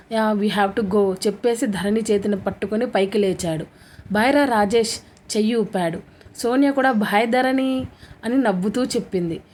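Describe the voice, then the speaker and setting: A woman's voice: mid-range voice, a little mellow. Woman narrating a romance story. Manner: reads all characters' lines in her own voice with little change.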